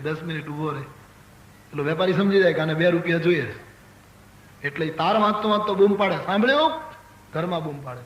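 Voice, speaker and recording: A man's voice: on the high side, dull audio. An older man giving a religious discourse, telling anecdotes and acting out the characters in a raised voice. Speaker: spiritual storyteller. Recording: echoey hall with faint ambience.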